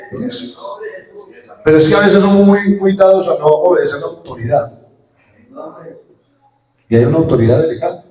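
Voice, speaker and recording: A man preaching a Pentecostal sermon as pastor, quoting scripture with sudden rises and drops in loudness. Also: on the high side. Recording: echoey room from far off.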